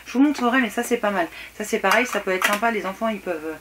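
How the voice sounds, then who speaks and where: A woman's voice: mid-range voice, fast, noisy background. Chatty woman unboxing. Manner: chatty, hesitant with fillers and restarts; frank, mildly critical. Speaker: vlogger. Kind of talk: casual unboxing chat.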